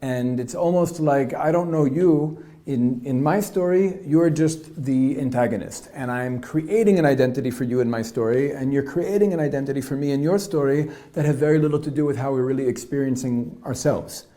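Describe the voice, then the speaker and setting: During a panel discussion, a teacher and peace activist lays out his views in a measured, step-by-step way. His voice is medium-pitched and mellow.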